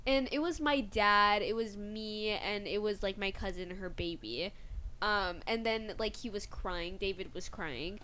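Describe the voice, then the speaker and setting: A woman's voice: mid-range voice, measured pace, slight background noise. Young woman telling a rambling story. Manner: rambling, many fillers, animated. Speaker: guest. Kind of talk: casual storytelling chat.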